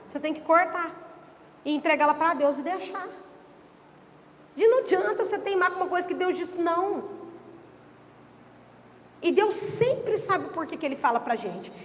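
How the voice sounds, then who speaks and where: Mineiro lady pastor preaching, super high voice, lots of church echo. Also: slight background noise. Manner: animated, chatty, teasing the congregation. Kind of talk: lively sermon. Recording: reverberant church hall.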